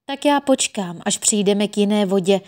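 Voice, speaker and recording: A woman's voice: medium pitch, darkish tone, natural voice. A thirsty little boy from a storybook, plaintive and childlike, as a woman narrator gives him voice. He sounds tired and insistent.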